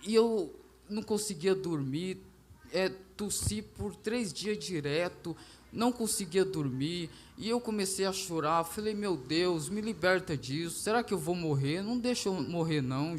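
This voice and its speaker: A man with a Brazilian Portuguese accent giving an emotional church testimony. He speaks earnestly and fervently, acting out his own prayers aloud. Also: high-pitched.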